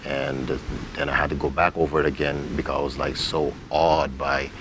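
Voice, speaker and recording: Speaking at normal speed in a level, rumbling low voice, this man is an interview guest who works as a stage actor and director. He tells stories informally and colloquially, playing out the quoted dialogue himself, against a clearly noisy background.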